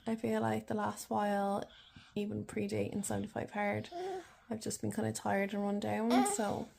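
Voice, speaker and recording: A woman's voice: mid-range voice, monotone, normal speed, vocal fry, darkish tone, slight background noise. A young adult woman with an Irish accent, chatting casually and in a rambling way, as in a video diary. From Ireland. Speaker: vlogger.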